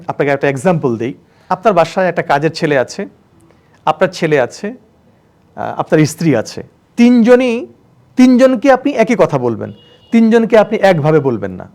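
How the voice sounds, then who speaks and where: A man lecturing trainee teachers, animated, acting out examples in changing tones and mixing in English words. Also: sits high. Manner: religious phrases and English words mixed in.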